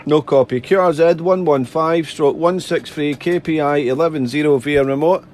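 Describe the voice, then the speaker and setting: A man's voice: on the high side, moderate pace, darkish tone, a little hiss or hum. A man making amateur radio contacts, chatty and polite, repeating himself and spelling out callsigns phonetically. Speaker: amateur radio operator, live streamer. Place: radio desk indoors.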